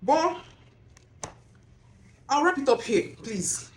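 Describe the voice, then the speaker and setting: A woman with a Nigerian accent filming herself as she tells a personal testimony, emotional and animated, close to tears. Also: sits high, takes it slowly, a little hiss or hum. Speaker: vlogger. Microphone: self-filmed camera.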